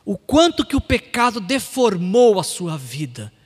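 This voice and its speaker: A man preaching a sermon, impassioned and building to loud, emphatic peaks. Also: sits high, big pitch swings, unhurried, breathy edge. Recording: long hall reverb.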